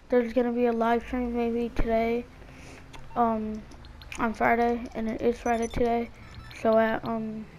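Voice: medium pitch, a little mellow, a little hiss or hum, poor audio. A young, school-age gamer giving casual, hesitant, rambling gameplay commentary, talking with a split lip. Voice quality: speech hindered by a split lip. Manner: hesitant, rambling, repeats words. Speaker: gaming video creator.

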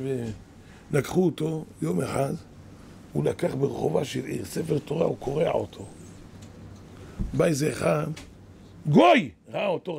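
An older Israeli kabbalist rabbi who heads a yeshiva gives a weekly Torah lesson in the study hall. His gravelly, fairly high voice is animated as he exclaims, laments and tells stories, with slight background noise.

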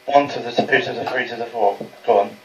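A man's voice: mid-range voice, brisk. A man trading crude slangy banter in casual game chat, on a dull, distant mic. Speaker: gamer in party chat. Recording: dull distant mic under loud crowd noise.

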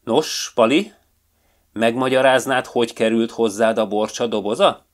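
A man voicing a clever male fox in a storybook tale, speaking up loudly and insistently. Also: medium pitch, close to an everyday voice. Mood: accusing. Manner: insistent, raised voice.

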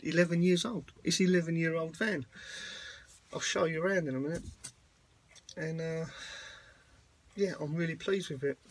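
In this casual walkaround vlog, a British man wanders near parked vans, talking plainly and rambling with plenty of fillers. His voice sits a little high and steady, at a moderate pace broken by long pauses.

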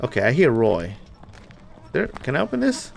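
Commentating a horror game let's play, a man addresses his viewers while playing, sounding nervous and jumpy and cursing a lot. His gravelly, medium-pitched voice swings hugely in pitch at normal speed, over a little hiss or hum.

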